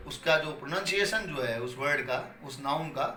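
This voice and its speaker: A man's voice: a little high, lively intonation, normal speed, bright, forceful tone. A man teaching English grammar in Hindi, with Hindi-accented English terms, explaining patiently and answering his own questions. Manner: explains patiently, repeating key points and asking questions he then answers. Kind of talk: classroom lecture. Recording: echoey room with faint ambient noise.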